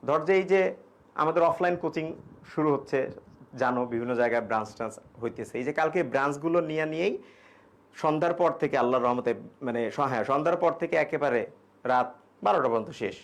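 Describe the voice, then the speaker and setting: A man's voice: fairly high pitch, a little fast. A young man teaching an English grammar class, explaining casually in Bengali with English examples and answering students' questions. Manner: reads student questions aloud and answers them. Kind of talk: online exam-prep grammar class.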